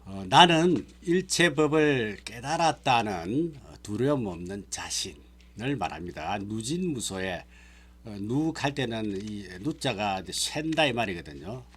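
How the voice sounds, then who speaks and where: A man, a Buddhist monk, giving a sutra lecture and explaining terms one by one, pausing to check that listeners follow. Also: on the low side, lively intonation, fairly bright tone, slightly rough.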